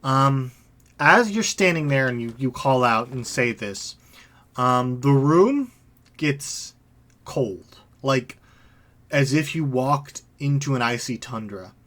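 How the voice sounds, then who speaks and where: A man running a tabletop game as game master, narrating scenes descriptively with halting restarts and fillers. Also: mid-range voice, expressive, a bit bright.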